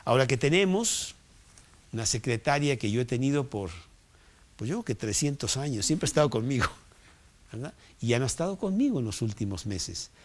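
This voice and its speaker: A male pastor preaching a sermon in an animated, exclamatory way, with conversational asides. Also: medium pitch, brisk.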